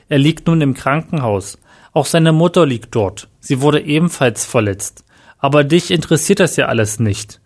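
A man voicing a hurt, reproachful young man in a read-aloud story. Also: medium pitch. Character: angry, tearful young man.

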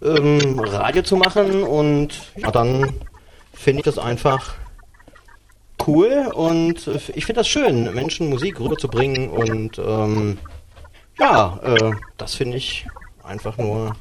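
A man hosting a live radio chat show, talking haltingly with many fillers and restarts. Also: mid-range voice, expressive, background noise. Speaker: radio host.

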